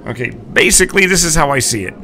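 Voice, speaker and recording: A man's voice: fairly high pitch, lively intonation, quick pace, creaky, pushed and bright, slight background noise. A man hosting a vlog with chatty, folksy, informal commentary. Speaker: vlog host.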